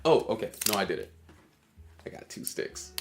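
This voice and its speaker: A man's voice: on the low side, very animated, moderate pace, creaky, background noise. A man, streaming a casual chess lesson, joking with his chat in a hyper way.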